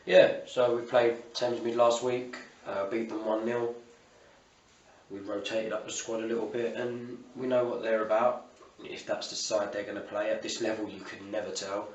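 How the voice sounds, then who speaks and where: Male football manager, south-east English British accent, low matey voice, interviewed on a distant mic. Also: level tone, moderate pace. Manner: colloquial, matey, with frequent "you know". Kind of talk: post-match interview. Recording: roomy, distant mic, faint ambient noise.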